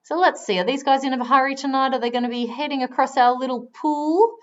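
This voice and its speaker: A woman giving chatty live commentary on a wildlife stream, now and then breaking into excited exclamations. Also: high voice, fast talker, muffled recording.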